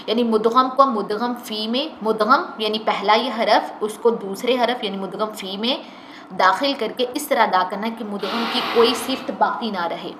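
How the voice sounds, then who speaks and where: A woman teaching a Quran recitation lesson, explaining the rules and slowly modelling the recited words again and again. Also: a little high. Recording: echoey room with faint noise.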